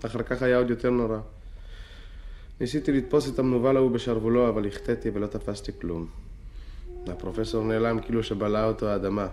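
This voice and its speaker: A man's voice: on the low side, fairly even intonation, darkish tone, natural voice. Guy doing a jumpy stammery young poet, all worked up, radio play. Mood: tense. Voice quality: stammering, indignant. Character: excitable frightened young man, flustered. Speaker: agitated poet telling his story to a doctor. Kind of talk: radio drama acting.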